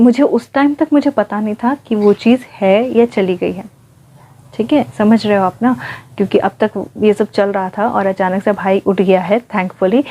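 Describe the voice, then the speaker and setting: A woman vlogger casually recounting her own ghost experience, speaking very softly and mixing in English words. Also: mid-range voice, a little hiss or hum. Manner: speaks very softly, near a hush; mixes in English words, frequent fillers like okay. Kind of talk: casual first-person storytelling.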